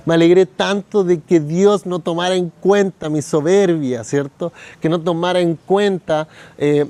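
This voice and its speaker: A man with a high, warm voice preaches a sermon at a church service, recorded dry. He tells a personal story as the pastor, acting out the words other people said.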